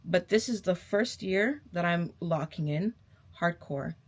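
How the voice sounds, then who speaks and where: A woman's voice: fairly low pitch, expressive, measured pace. A young adult woman vlogger giving a casual motivational pep talk to camera, sassy and emphatic, repeating herself and calling her viewers babe.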